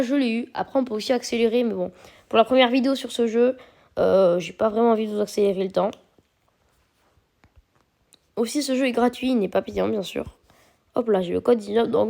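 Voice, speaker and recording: A woman walks viewers through a mobile game in a casual, chatty way. Her voice sits a little higher than usual. She explains each step patiently, filling the gaps with small hesitations. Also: creaky, darkish tone. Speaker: mobile game video creator. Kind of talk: casual gameplay commentary.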